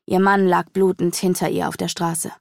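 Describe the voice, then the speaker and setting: A woman narrating a dark fantasy audiobook in a measured storytelling manner, slowing down for the tense moments. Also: fairly low pitch, little pitch movement, vocal fry, no room sound, clean studio sound. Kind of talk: dramatic fantasy audiobook reading.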